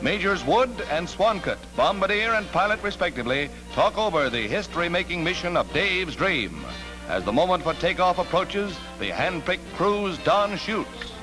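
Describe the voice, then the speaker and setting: A man's voice: sits high, sing-song, moderate pace, low-quality recording. A man giving dramatic, emphatic 1940s newsreel narration on an old newsreel soundtrack. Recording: old newsreel narration over loud music.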